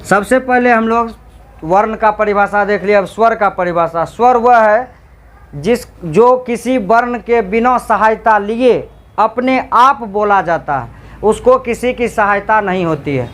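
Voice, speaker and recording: Slow-speaking male classroom teacher. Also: high voice. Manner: quizzes the class with repeated questions; slow, drawn-out sound demonstrations. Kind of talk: classroom grammar lecture. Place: classroom with students.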